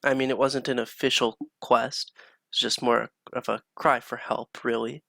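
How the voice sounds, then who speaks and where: A man's voice: medium pitch, level tone, moderate pace, gravelly, sharp tone, dry recording. A man voicing a stern but polite woman innkeeper who speaks formally and courteously. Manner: formal, courteous, slightly reproachful.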